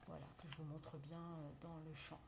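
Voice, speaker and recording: Speaking low and flat at a normal pace with vocal fry, a French woman who vlogs about crafts chats her way through an unboxing of supplies on a table, narrating each step of her hands and filling gaps with "voilà" and other fillers. The phone-camera recording was made indoors at a table that isn't hers, with loud crinkling and clicking in the background.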